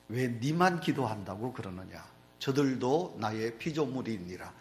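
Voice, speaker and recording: A man voicing God as a stern, fatherly figure who rebukes slowly and solemnly. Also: mid-range voice, long reverb tail, close to an everyday voice.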